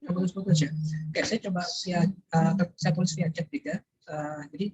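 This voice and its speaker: A man's voice: sits high, fairly even intonation, normal speed, darkish tone, slightly rough, highs cut off, faint music behind. A man moderating an online conference Q&A, speaking hesitantly with many fillers while his video-call audio cuts in and out. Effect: choppy video-call audio breaking up. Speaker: panel moderator.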